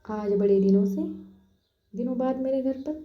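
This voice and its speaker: A woman's voice: a little high, moderate pace, roomy sound, lo-fi sound, voice pushed up, close to an everyday voice. A woman voicing a fond, welcoming middle-aged mother who speaks affectionately. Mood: doting. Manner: affectionate, doting.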